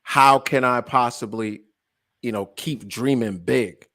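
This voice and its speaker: A man's voice: mid-range voice, slow. Joking, stammering man in his late twenties. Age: late 20s. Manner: animated and joking, stammers and restarts, laughs often. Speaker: podcast co-host. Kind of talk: casual chat.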